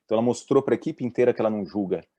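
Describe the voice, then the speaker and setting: A man with a Brazilian accent, a doctor giving a talk on mental health at work, telling lively stories and voicing the people in them. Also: on the low side, rapid-fire, dry recording. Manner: lively storyteller, voices the people in his stories. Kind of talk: presentation with acted-out anecdotes.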